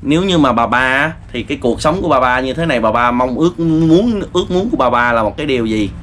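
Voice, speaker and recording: A man with a Southern Vietnamese accent, interviewing politely and gently with many fillers. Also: mid-range voice, expressive, quick pace, slight background noise. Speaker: vlogger interviewer. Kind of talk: casual interview.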